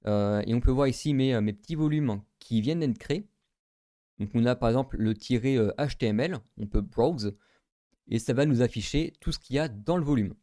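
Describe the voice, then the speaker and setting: A man's voice: mid-range voice, brisk, warm tone, no echo, studio quality. A man, casually talking through a screen-recorded tech tutorial, with many fillers and thinking aloud.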